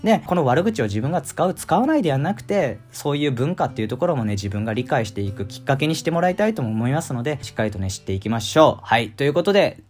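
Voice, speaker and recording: A man hosting an online Korean phrase lesson, lecturing in an animated, emphatic way. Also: medium pitch, quick pace, few pauses, soft background music. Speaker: Korean language teacher.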